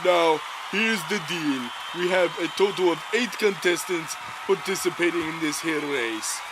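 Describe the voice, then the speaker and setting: A brash showman announcing a cartoon race, as a man puts him on. He booms and hams it up for the crowd. His voice rides high. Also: measured pace, background noise, lightly acted. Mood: showy. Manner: booming, showy announcing.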